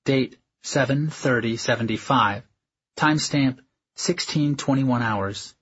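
An actor voicing an impersonal spaceship message system, reading official notices in a formal, clipped, detached way for an audio drama. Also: male voice, medium pitch, takes it slowly, fairly bright tone, slightly rough, highs cut off. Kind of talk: scripted announcement in a dramatized audiobook.

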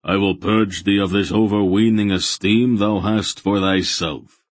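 A male narrator voices a stern, ancient god in a fantasy storybook, using a very low, slightly rough, yet soft and solemn voice. He delivers archaic commands slowly and gravely with majestic weight, in an animated, exaggerated performance recorded with no room sound.

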